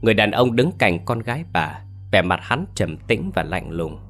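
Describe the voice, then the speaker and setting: A man narrating a ghost story in a steady, somber storytelling voice. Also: on the low side, moderate pace. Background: faint music.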